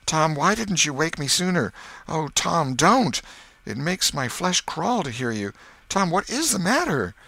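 A man's voice: a little high, big pitch swings, a little slow, gravelly, bright, forceful tone, dry recording, voice pushed up, heavily acted. A man voicing a gullible young boy, worried and pleading, with an urgent stammer. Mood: alarmed, pleading.

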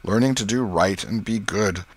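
A man's voice: fairly low pitch, moderate pace, low-quality recording. A man voicing an earnest, pious Sunday school superintendent with a peculiar sing-song speaking tone, raised well above his own voice. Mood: sugary, coaxing. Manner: sing-song sanctimonious speech intonation.

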